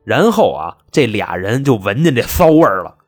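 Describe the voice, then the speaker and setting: A man's voice: lowish voice, very animated, moderate pace, soft background music. A man telling a comic crime story in a chatty, punchy, colloquial way.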